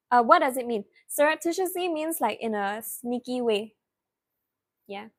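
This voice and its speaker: A young woman, tutoring a live-stream spelling lesson. She laughs often, praises students by name and spells words out slowly. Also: fairly high pitch, lively intonation. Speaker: online tutor.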